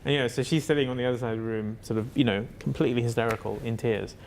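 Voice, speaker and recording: Gravelly-voiced man, thoughtful and hesitant. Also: medium pitch, fairly even intonation, very fast, a little mellow, a little hiss or hum. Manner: thoughtful, hesitant, many fillers and restarts. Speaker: facilitator, interview guest. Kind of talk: reflective conversational answer.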